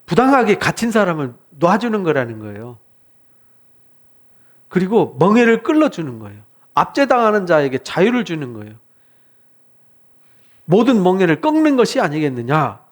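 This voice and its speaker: A South Korean pastor gives an expository sermon with a high, lively voice, speaking at normal speed and pausing often. He preaches fervently, peppering his congregation with questions and acting out the words of the people in his account.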